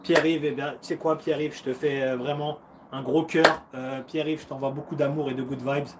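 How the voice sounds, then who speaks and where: A man's voice: a little high, steady tone, moderate pace, very noisy. Upbeat man in his thirties, slangy coach. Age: 30s. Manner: upbeat, encouraging, acts out punches and footwork with sounds; slang-laden and chatty. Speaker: karate fighter and coach hosting a live Q&A. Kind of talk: casual live-stream Q&A. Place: at home.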